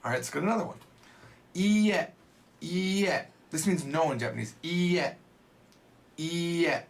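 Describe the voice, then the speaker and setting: A man's voice: fairly high pitch, animated, moderate pace, vocal fry. A man giving a casual Japanese lesson, with playful, jokey asides. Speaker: Japanese teacher.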